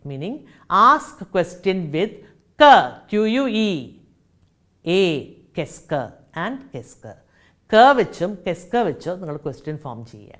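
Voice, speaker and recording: Malayali woman, French teacher, low voice with lively intonation, methodical and patient. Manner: explains step by step, mixing in English and French example sentences; reads French examples slowly and clearly. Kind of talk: recorded classroom lesson.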